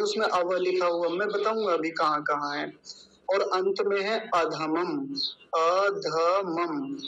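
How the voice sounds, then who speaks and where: A man teaching mantra pronunciation, drawing out each syllable in a slow recitation. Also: sits high, a bit bright, poor audio.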